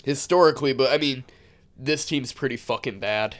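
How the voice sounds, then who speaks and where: A man of middle pitch with a smooth, resonant voice, hosting a casual sports betting chat. He talks bluntly and easily, swears now and then, and sounds sick, as if he is losing his voice. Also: normal speed, a bit bright. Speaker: podcast co-host.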